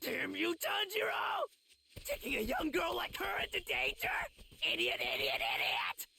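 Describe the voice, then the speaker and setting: A man's voice: huge pitch swings, measured pace, gravelly, pushed and bright, roomy sound, big-room sound, a little hiss or hum, full character voice. An actor voicing a cowardly, whiny teenage boy demon slayer in a video game cutscene, panicky and self-pitying. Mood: frantic. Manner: panicky, shrill and self-pitying, shrieks often.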